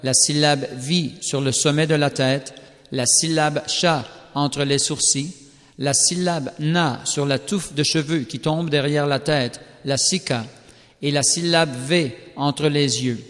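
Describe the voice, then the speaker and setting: A man reads a sacred text aloud in a slow, solemn, carefully measured recitation. His voice sits a little higher than most men's, and a long reverb hangs after each phrase. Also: steady tone, a bit bright. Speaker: scripture reader. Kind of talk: scripted scripture reading. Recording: long reverberant hall sound.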